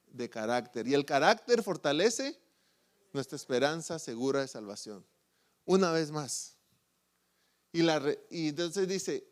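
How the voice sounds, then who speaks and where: A man preaching a sermon as presiding elder, animated and asking the congregation rhetorical questions. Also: a little high. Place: church service.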